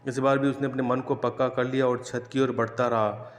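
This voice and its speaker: A man tells ghost stories in a measured, flat voice with a middle pitch. His words ring out in a roomy space with a long, hollow tail of reverb. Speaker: storyteller. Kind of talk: horror story narration. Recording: echoey room with long reverb.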